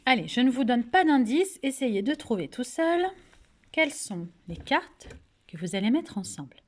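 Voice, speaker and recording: A woman teacher with a French accent leads a recorded phonics lesson for young children, pronouncing each word slowly and clearly, asking gentle questions and praising the answers. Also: on the high side, big pitch swings. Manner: slow, clearly articulated, patient, coaxing questions and praise. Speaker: kindergarten teacher.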